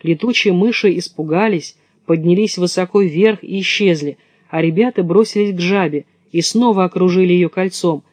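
A man narrating a children's storybook in a lively storytelling manner. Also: sits high, moderate pace, no room sound. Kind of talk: storybook reading.

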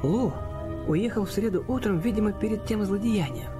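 A man voicing a shrewd, calm elderly male detective who speaks in proverbs and swaps r for l. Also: sits high, normal speed, voice pushed up, natural voice. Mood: calm, reasoning. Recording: clear background music.

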